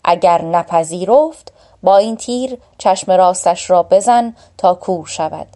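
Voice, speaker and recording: A woman's voice: fairly low pitch, warm tone, close to an everyday voice. A woman reading the lines of a wise mythical giant bird in a storybook tale, in a solemn, instructive way.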